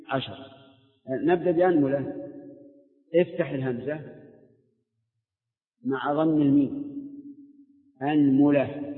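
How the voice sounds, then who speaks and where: An older man with a Najdi Arabic accent teaching a class, slowly drilling and questioning his students. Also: fairly high pitch. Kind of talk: classroom lesson. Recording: tinny old lecture tape in echoey hall.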